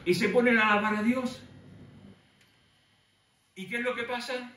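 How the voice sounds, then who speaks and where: A man preaching a lively sermon, telling the story with animated acted-out voices. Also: very high voice, moderate pace, far from the mic. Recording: echoey room from afar with faint noise.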